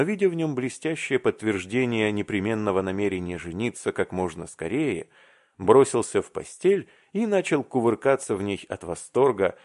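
A man narrating classic prose in an audiobook with expressive storytelling. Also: on the low side.

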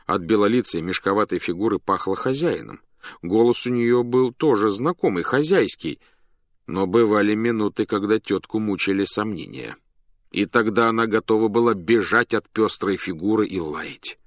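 A man reading a story aloud as narrator, in an animated, dramatic manner that speeds up and slows down. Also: lowish voice, no room sound, studio quality.

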